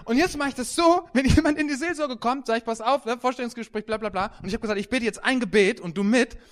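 High-voiced animated preacher. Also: male voice, fast. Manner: animated, swings between soft and loud, storytelling. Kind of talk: sermon with anecdotes.

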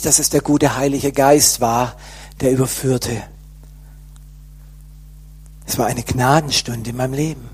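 Man, personal testimony, slow deliberate delivery, husky tone, earnest, softens at grave moments. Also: medium pitch. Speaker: speaker giving a personal testimony.

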